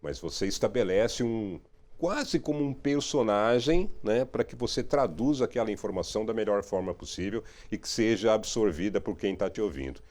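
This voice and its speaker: A middle-aged man, a radio and TV journalist, speaking in a relaxed, reflective interview, often ending phrases with a questioning tag. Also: lowish voice, moderate pace. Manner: reflective, frequent "né?" tags.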